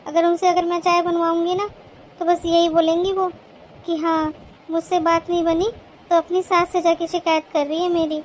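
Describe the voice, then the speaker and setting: A woman's voice: very high voice, little pitch movement, moderate pace, a little hiss or hum. A woman voicing a scheming young daughter-in-law who sweet-talks and complains in a cartoon. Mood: whining. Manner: whiny, sugary, tattling. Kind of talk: cartoon voice acting.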